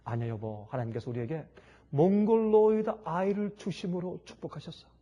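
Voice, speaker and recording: Guy doing a soft low-voiced young pastor, gentle and sad. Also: fairly quick, highs cut off.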